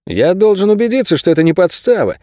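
A man voicing a wary, blunt young prisoner in an audiobook, sharp and questioning. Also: sits high, very animated, quick pace, dry recording, clean studio sound, voice pushed up. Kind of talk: audiobook character voice.

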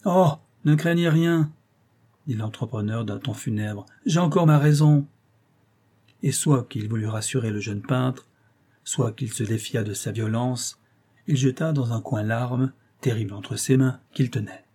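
A man narrating a classic novel as an audiobook, in a measured, even storytelling delivery. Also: lowish voice, husky.

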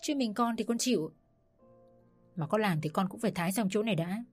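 A woman voicing a calm, defiant young daughter-in-law who answers curtly, in a storybook reading. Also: mid-range voice, brisk, soft background music, voice pushed up, lightly acted. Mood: reasoning. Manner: cool and curt.

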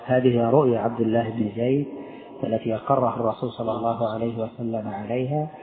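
A man's voice: mid-range voice, little pitch movement, quick pace. A middle-aged man teaching a religious text as sheikh, explaining and quizzing his students. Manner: explains, asks the class questions. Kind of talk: lesson commentary. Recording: tinny phone-like recording.

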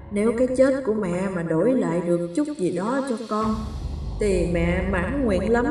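A woman voicing the ghost of a frail old mother, speaking in a soft, faint, pleading murmur. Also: mid-range voice, heavy reverb, far from the mic, natural voice.

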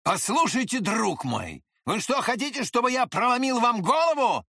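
A reader voicing a hot-tempered, effusive young man who talks loudly. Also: mid-range voice, wildly swooping pitch, measured pace, slightly rough, dry recording, studio quality, pitched above the performer's own voice, heavily acted. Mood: angry. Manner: loud, shouting.

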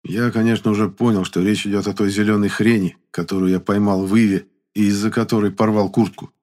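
A man with a low voice reads a first-person audiobook. His telling is wry and matter-of-fact, steady through each scene. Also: fairly quick.

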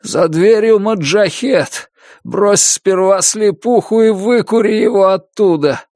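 A man voicing a delirious, dying male hitman who raves urgently and shouts out orders. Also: medium pitch, takes it slowly, vocal fry, no room sound, clean studio sound, heavily acted.

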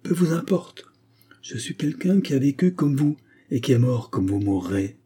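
A man's voice: medium pitch, sing-song, normal speed, mellow, slightly rough, pitched above the performer's own voice. A man reading an audiobook, voicing the hard, cold spirit of a dead man who speaks through a medium. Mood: solemn, cold. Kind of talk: audiobook character voice.

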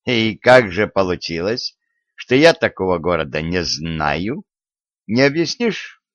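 A man doing a proud commanding tsar, archaic speech, low voice, slow and animated, dry dull audiobook sound. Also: no echo, exaggerated voice. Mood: interrogating. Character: proud, blustering old-fashioned tsar.

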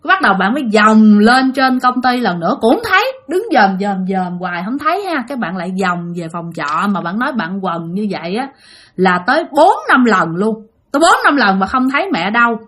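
A woman with a Southern Vietnamese accent telling a ghost story, talking straight to her listeners in an animated way. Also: mid-range voice, brisk. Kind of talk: spoken ghost story narration.

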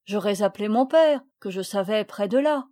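A woman voicing an earnest, brave older boy in a storybook reading, with a warm, protective manner. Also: medium pitch, lively intonation, moderate pace, natural voice. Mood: spirited.

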